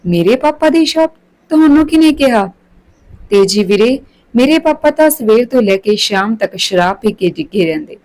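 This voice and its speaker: A woman's voice: fairly high pitch, expressive, normal speed, darkish tone, natural voice, low-quality recording. A woman voicing an earnest, chatty young village girl in a storybook reading.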